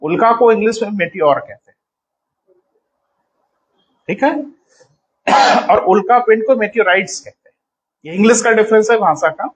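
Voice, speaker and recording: High-voiced guy teacher lecturing his class, stern and scolding, dull lo-fi recording. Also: normal speed, pauses often. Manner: calls students "beta". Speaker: coaching teacher.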